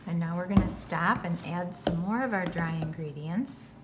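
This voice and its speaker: A fairly low-voiced American woman speaking at a moderate pace gives a cooking demonstration as a teacher, patiently guiding listeners through each step in plain words. The recording carries noticeable background noise.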